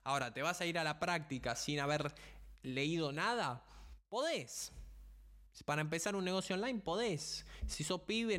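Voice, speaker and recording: A man's voice: fairly high pitch, fairly bright tone. A young man with a Rioplatense Spanish accent giving an emphatic motivational business talk, speaking straight to the listener. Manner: emphatic, punchy, addresses the listener directly. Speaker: podcast host.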